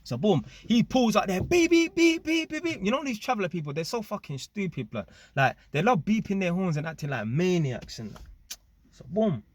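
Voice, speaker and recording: A man casually telling a story to camera, animated and full of street slang and tag questions. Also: high voice, a little fast, husky. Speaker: vlogger.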